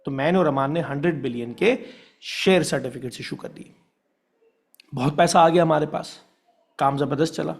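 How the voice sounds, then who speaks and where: High-pitched gravelly male teacher. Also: moderate pace, long pauses. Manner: explains with worked examples and check-ins; mixes English terms into Hindi-Urdu. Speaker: business teacher. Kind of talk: classroom lecture.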